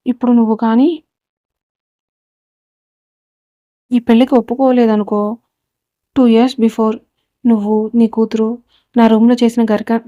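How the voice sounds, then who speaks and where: A woman's voice: medium pitch, no room sound, dull audio, natural voice. A woman reading the lines of a domineering young man who speaks coldly and makes threats, in a Telugu audio story. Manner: cold, commanding and quietly threatening.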